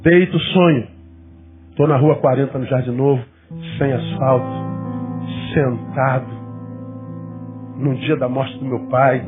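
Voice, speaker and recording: A man with a Brazilian accent preaching an emotional sermon as a pastor, his voice breaking with tears at its peaks and sinking low and quiet between them. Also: fairly even intonation, takes it slowly, long pauses. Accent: Brazilian Portuguese. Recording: tinny lo-fi recording with faint guitar. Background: soft guitar music.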